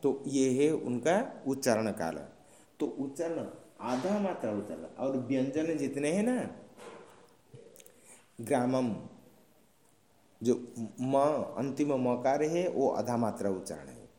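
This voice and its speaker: A man gives a classroom lecture, explaining slowly and patiently in a warm, dark voice. He keeps checking that his students follow along. The recording has a roomy echo from the hall around him. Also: medium pitch, big pitch swings. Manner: slow, patient explaining with frequent checking questions. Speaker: teacher. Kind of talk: classroom lecture on Sanskrit grammar. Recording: roomy echoing room sound.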